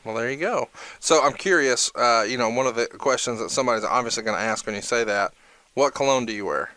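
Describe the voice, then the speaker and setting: A man's voice: medium pitch, fast talker, bright, forceful tone, no echo. An American man co-hosting a podcast, introducing the show and reading out listener questions in a conversational style. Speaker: podcast co-host.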